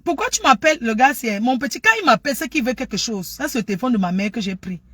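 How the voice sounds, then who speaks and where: A woman chatting loudly and animatedly to her viewers during a livestream. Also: fairly high pitch, fast talker, breathy edge, no room sound. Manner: loud, animated storytelling. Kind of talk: casual live chat. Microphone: phone.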